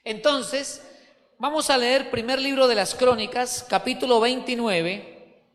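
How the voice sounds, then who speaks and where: A man's voice: very high voice, steady tone, unhurried, fairly bright tone. A man preaching a sermon as pastor to his church, emphatic, repeating key words and asking the congregation questions. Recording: long hall reverb.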